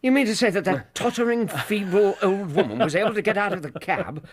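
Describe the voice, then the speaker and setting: An actor playing a genial British gentleman doctor in a radio drama, polite, well-spoken and easily astonished. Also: high-pitched, animated, brisk. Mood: incredulous. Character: genial, incredulous gentleman doctor, loyal companion.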